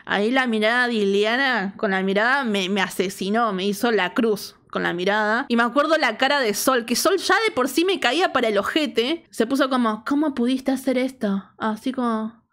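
High-voiced Argentine woman telling a story. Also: moderate pace, hardly any pauses. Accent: Argentine Spanish. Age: 30s. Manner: animated, slangy, acts out friends' voices. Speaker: storytime vlogger. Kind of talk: casual storytelling to camera.

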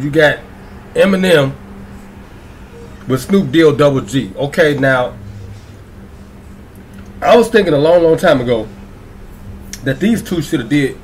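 A young man hosting his reaction channel in an excitable, slangy way, stretching out hype words and throwing in singsong ad-libs. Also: fairly high pitch, measured pace, long pauses, faint music behind. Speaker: YouTube reaction channel host. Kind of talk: hyped casual vlog intro.

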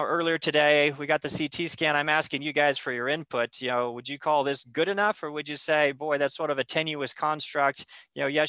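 A surgeon walks colleagues through a case over a video call, his voice pitched a little high and very bright. The sound is close and dry. He talks casually and loosely, with plenty of fillers and restarts. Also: no room sound. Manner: conversational, frequent fillers and restarts. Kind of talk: virtual conference case presentation. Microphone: video call microphone.

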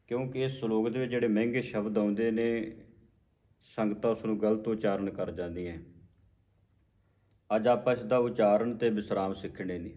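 A man from Punjab teaching how to pronounce scripture, repeating words slowly syllable by syllable. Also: fairly low pitch, mellow. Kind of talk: scripture recitation lesson.

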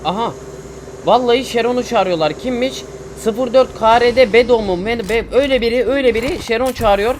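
A man's voice: very high-pitched, a little fast, a little hiss or hum. A young man commentating his own mobile shooter gameplay, casual and joking, talking to viewers and bursting out in fights. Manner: bursts into loud excitement in fights. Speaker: gaming streamer. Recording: game gunfire loud behind. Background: gunshots and game sounds.

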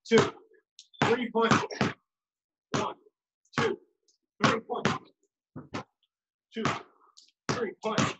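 High-voiced coach calling drills from afar. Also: male voice. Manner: calls out counts and cues, encouraging. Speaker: basketball coach. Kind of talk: home workout drill instruction. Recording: echoey room, mic far off, loud noise.

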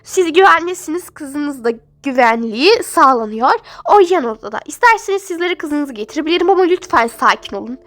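A woman voicing a calm, polite hospital nurse who soothes a patient, hesitating with fillers. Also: sits high, fairly quick, hardly any pauses. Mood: reassuring.

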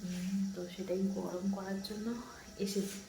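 A woman chatting casually in a home vlog, talking softly with lots of fillers. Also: medium pitch, little pitch movement, unhurried. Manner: chatty, rambling with many fillers; talks softly so her sleeping son isn't woken. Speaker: vlogger. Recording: clear background noise.

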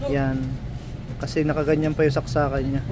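A man's voice: medium pitch, little pitch movement, normal speed. A man unboxing a welding machine in a casual vlog and chatting to viewers. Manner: chatty, keeps addressing viewers as idols. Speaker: vlogger. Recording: loud street noise.

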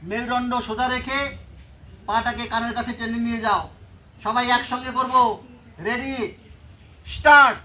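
A woman's voice: a little high, a bit bright, slight background noise, poor audio. A woman yoga teacher, leading a class of schoolchildren and giving step-by-step commands and counting aloud.

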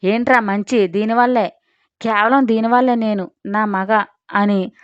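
A woman's voice: medium pitch, fairly even intonation, a little slow, clean tone, no room sound, lightly acted. Arrogant young college guy, harsh and contemptuous, read by a woman storyteller; dry, dull recording. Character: arrogant hot-tempered young male college student.

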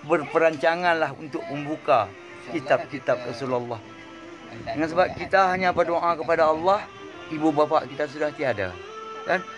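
An old Malaysian man in his eighties talks about faith in a slightly raised, halting voice, wandering between thoughts and dropping in Arabic phrases. He speaks close to a phone in a small indoor room. Music plays clearly behind him. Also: a little high. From Kedah, Malaysia. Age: 80s. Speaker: interviewee. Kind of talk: religious reflection. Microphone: phone held close.

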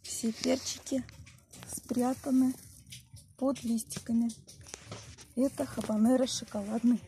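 A woman casually narrating her garden vlog in short, halting phrases as she points things out, recorded outdoors on a handheld device. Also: fairly high pitch, little pitch movement, warm tone. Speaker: home gardener showing plants. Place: outdoor garden beside a wall. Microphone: handheld phone or camera close to plants. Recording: clear handling rustle and outdoor background noise.

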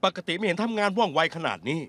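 A man's voice: high-pitched, animated, fast, fairly bright tone. A man dubbing a bossy, resentful male lawyer in a Thai drama dub, with a complaining, scornful delivery.

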